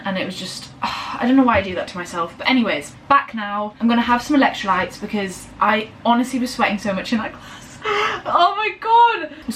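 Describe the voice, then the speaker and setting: A young woman chatting casually in a vlog, rambling and bubbly, fast and breathless after a workout, filmed in her kitchen. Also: medium pitch, fairly bright tone. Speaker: lifestyle vlogger. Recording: slightly distant camera audio with faint room noise.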